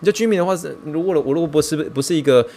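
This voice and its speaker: A man hosting a podcast, talking in a casual, excitable and self-mocking way, mixing in English words. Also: fairly high pitch, very fast, slight background noise. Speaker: podcast host.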